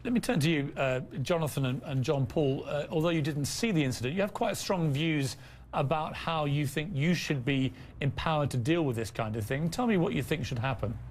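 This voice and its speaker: News host guy pushing back hard on his guests, slightly high voice. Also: brisk, slight background noise. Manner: pointed, argumentative questioning. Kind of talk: live TV interview.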